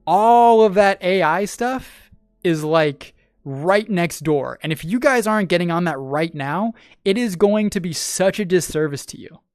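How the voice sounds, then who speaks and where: A streamer and podcast host chats with viewers during a casual livestream, thanking new followers, laughing often and repeating himself. He says his voice is made for radio and sales, and it is high-pitched. The recording comes from a dry close mic with faint music behind him.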